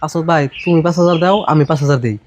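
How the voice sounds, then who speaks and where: A man playing a rapid-talking, excitable village farmer. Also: fairly high pitch, muffled recording, a little hiss or hum, natural voice. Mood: indignant. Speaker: neighboring farmer. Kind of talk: comedy village drama acting.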